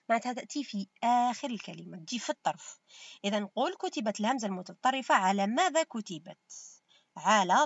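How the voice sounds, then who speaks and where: A woman's voice: a little high, no room sound, clean studio sound. A woman teacher with an Algerian Arabic accent, giving a step-by-step revision lesson and asking and answering her own questions. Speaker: primary school teacher.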